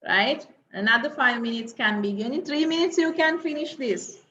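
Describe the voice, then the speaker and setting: Sri woman teacher, higher voice, keeps asking "right?", lo-fi recording. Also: lively intonation, moderate pace, pushed and bright, slight background noise. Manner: keeps checking in with "right?" and "okay?". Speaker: English teacher. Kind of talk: recorded grade-six revision lesson. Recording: roomy, dull lo-fi recording.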